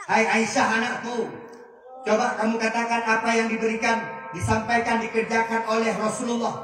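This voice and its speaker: Man doing a fatherly old elder, calm, high-ish voice, echoey hall. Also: fairly quick, background noise. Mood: earnest. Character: gentle elderly male companion of a prophet. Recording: echoey hall, distant mic, crowd.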